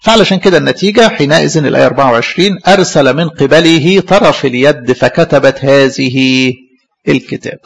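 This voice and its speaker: A man's voice: mid-range voice, a little fast, creaky, slightly rough. A man preaching a Bible-study sermon in an Egyptian accent, asking questions for his listeners to finish. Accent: Egyptian Arabic.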